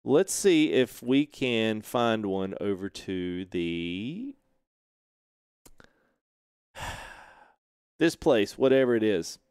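Speaking very slowly with long pauses, this thirtysomething streamer has a fairly low, expressive, darkish and smooth voice, captured in clean studio sound without any room noise. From his home sim rig he runs a relaxed gameplay livestream over a headset mic, chatting loosely, laughing a lot, welcoming viewers and reading the chat out loud.

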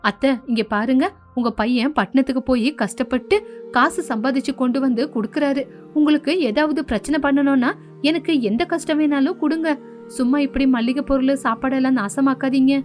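Woman doing a put-upon young wife, patient, pleading, high voice, cartoon story. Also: fairly quick, a little mellow, faint music behind, lightly acted. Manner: pleading, reasonable. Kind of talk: animated storybook voice acting.

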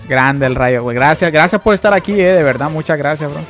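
A young man with a Mexican Spanish accent giving chatty live gameplay commentary, greeting viewers and letting out excitable exclamations. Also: fairly high pitch, brisk, soft background music. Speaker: streamer.

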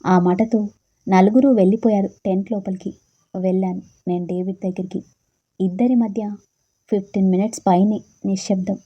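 A woman narrating a first-person romantic story in a soft, subdued way. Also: mid-range voice, steady tone, normal speed, slightly rough, lo-fi sound.

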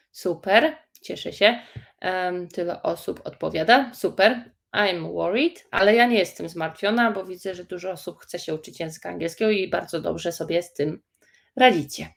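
A woman teaching English phrases in a live stream, slow and encouraging as she reads out viewers' comments. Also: on the low side, vocal fry. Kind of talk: live-streamed language lesson.

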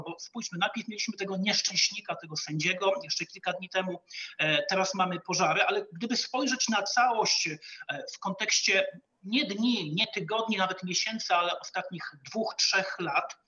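A man commenting in a political studio debate, speaking in a measured, rhetorical way with frequent hesitations. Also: sits high, sharp tone, muffled recording.

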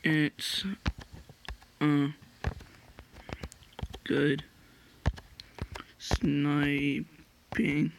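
Young male gamer, casual slow commentary, gravelly edge, faint background hiss. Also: on the high side, completely flat delivery. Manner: slow, rambling, chewing gum while talking. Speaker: gaming video creator.

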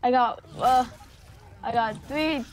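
A young woman chatting casually while playing a co-op game, giggly and easily flustered, her throat a little sore. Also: fairly high pitch. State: sore throat after choking on water. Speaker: gamer co-host. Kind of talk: casual gaming chat.

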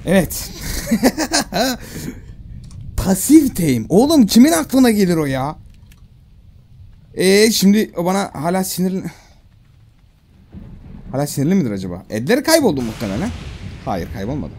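Excitable man with lively swings in pitch. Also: normal speed, long pauses, slightly rough. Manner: excitable, slangy, talks to the game creatures. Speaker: gamer streaming a survival game. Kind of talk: casual gameplay commentary.

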